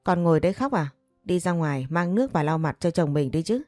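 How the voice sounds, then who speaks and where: A woman's voice: fairly low pitch, animated, a little fast, darkish tone, no room sound, studio quality, soft background music, lightly acted. A woman voicing a moody, domineering young husband in an audio story, giving harsh, scolding commands.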